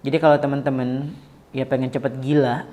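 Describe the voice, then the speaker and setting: A man giving a casual Islamic study talk to a live audience, lively and joking, acting out little dialogues and asking the audience questions. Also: medium pitch, fairly quick. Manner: lively, acts out quoted dialogue, jokes with audience. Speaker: Islamic preacher.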